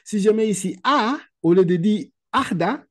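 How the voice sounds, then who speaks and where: Here a man with a high-sitting, expressive voice teaches Quran reading over a video call. He stretches the Arabic words out slowly for repetition while walking through the material step by step, regularly asking "ok?"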